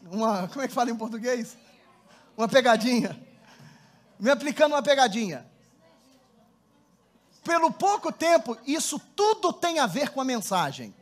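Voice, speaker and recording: A man preaching a sermon as pastor, telling stories with animated energy and calling on the congregation to answer. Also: extremely high pitch, moderate pace, long pauses. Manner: storytelling, animated, laughs often, calls congregation to respond. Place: church hall before a congregation. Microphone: handheld microphone.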